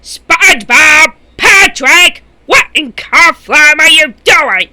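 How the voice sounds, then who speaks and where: A woman's voice: fairly high pitch, animated, slow. A woman voicing an irritable, scolding adult male octopus in an amateur cartoon skit. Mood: exasperated. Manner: exasperated, scolding.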